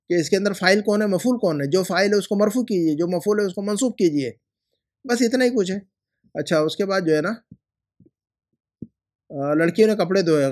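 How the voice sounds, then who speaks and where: A man teaching Arabic grammar, patiently correcting students' homework, repeating rules and slowly spelling out phrases. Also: high voice. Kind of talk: correcting homework in a language lesson.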